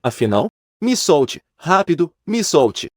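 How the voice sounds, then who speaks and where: A man's voice: fairly high pitch, very animated, slow pace, dry recording, clean studio sound, heavily acted. A man reading a terrified blood demon. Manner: pleading, panicked questions.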